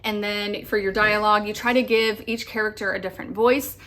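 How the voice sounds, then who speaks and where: A homeschool vlogger in her thirties gives upbeat, chatty advice to camera, often laughing. Her mid-range voice is brisk with fairly even intonation and a fairly bright tone, in a casual advice talk.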